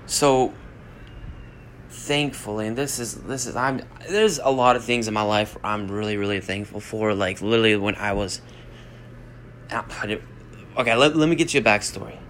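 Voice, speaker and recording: A man's voice: fairly low pitch, moderate pace, fairly bright tone, slight background noise. A young man hosting a podcast, talking in a blunt, rambling, motivational way and swearing freely. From United States. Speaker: podcast host. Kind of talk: casual motivational monologue.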